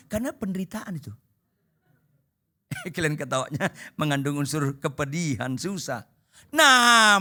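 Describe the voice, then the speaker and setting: A man preaching to a congregation, animated and humorous, acting out conversations and swinging between shouts and half voice. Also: sits high. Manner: animated, acts out dialogues, shouts and drops to half voice. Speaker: pastor. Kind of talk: humorous sermon. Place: church hall before a congregation.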